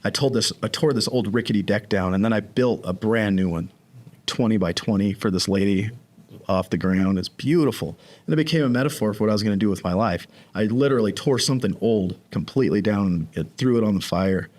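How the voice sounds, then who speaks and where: A man guest on a podcast, telling his recovery story in a casual, animated way, often acting out what people said. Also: fairly low pitch, brisk. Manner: animated, acts out quoted voices.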